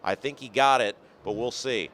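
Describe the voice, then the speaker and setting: Male play-by-play caller for high school football, even mid pitch, surges on big plays. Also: normal speed, a little hiss or hum. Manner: rises sharply and loud on big plays. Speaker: play-by-play announcer.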